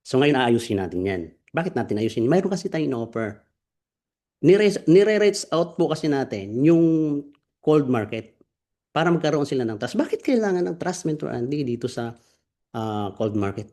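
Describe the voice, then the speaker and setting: Brief: man, mid-range voice, energetic online business mentor streaming live to his students. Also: medium pitch, normal speed. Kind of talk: live online training session.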